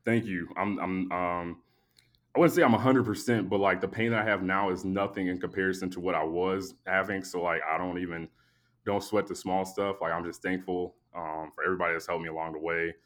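A man's voice: low voice, brisk. Sleepy man telling a story casually. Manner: animated, profane, acts out both sides of the exchange. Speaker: podcast host.

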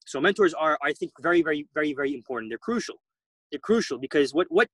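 Fast-talking emphatic man, dry sound. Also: on the high side, fairly bright tone, no room sound, poor audio. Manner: emphatic, repeats words while building points. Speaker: guest entrepreneur. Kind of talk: interview answers.

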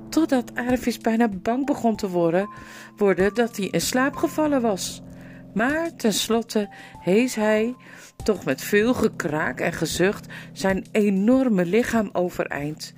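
A woman's voice: mid-range voice, a little mellow. A woman reading a children's storybook aloud, telling the story expressively. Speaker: reader.

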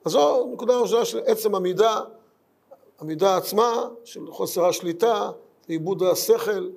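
A man's voice: high voice, vocal fry, a little mellow. A man giving a Talmud lesson in an earnest way, asking rhetorical questions and repeating his points. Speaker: Torah teacher.

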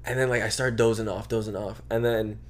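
A young man on a casual podcast, telling a long military story in an animated, profane, slangy way. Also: on the low side, brisk. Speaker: podcast co-host. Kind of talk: casual chat.

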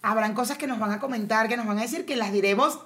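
A Venezuelan woman co-hosting a podcast in casual, animated chat, laughing often. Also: a little high, fast, background noise. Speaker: podcast co-host.

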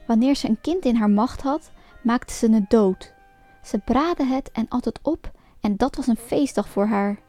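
Woman storyteller with a fairly high voice, reading a fairy tale aloud, lively and expressive. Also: unhurried. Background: faint music.

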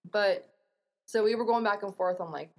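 A woman's voice: medium pitch, moderate pace. A young adult woman co-hosting a podcast, chatting casually with crude jokes and frequent laughter. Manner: joking and crude, laughing often. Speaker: podcast co-host. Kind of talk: casual chat.

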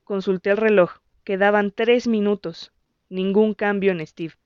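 A woman narrating a story in the first person with an even, measured reading. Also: mid-range voice, clear, resonant tone, no room sound, dull audio. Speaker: audiobook narrator.

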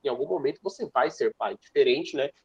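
Fast-talking young São man, dull dry mic. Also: mid-range voice, lively intonation, husky, dry recording. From São Paulo, Brazil. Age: 20s. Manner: long, winding questions full of asides. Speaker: podcast host. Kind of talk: casual podcast interview.

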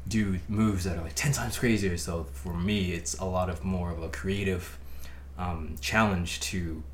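A man in his twenties chats easily as a podcast guest, laid-back and a little self-mocking. His voice is very low, with a faint hiss in the background. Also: unhurried. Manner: relaxed, easygoing, self-deprecating. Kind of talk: casual podcast chat.

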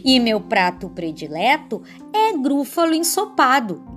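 A clever little mouse from a storybook, proud and quick-witted, as a woman reads him. The voice sits high and bounces around a lot, with faint music under it. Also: big pitch swings, a bit bright, heavily acted. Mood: sly proud. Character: small clever boastful male mouse.

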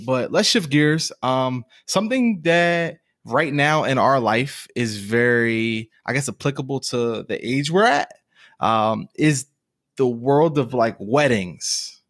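A man's voice: mid-range voice, fairly bright tone. A man in his twenties co-hosting a podcast, talking casually and rambling with lots of fillers and restarts. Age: 20s. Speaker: podcast co-host. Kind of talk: casual chat.

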